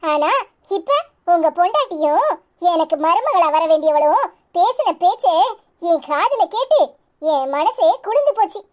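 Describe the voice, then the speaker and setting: Woman as a scolding cartoon mother-in-law, Tirunelveli accent, very high voice. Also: animated, moderate pace. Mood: scornful. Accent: Tirunelveli Tamil. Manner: scolding, indignant. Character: groom's mother, middle-aged woman, proud and sharp-tongued.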